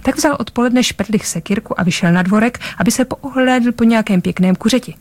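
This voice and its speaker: A woman reading a story aloud, narrating with lively delivery and small slips. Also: a little high, dry recording. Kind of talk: audiobook-style story reading.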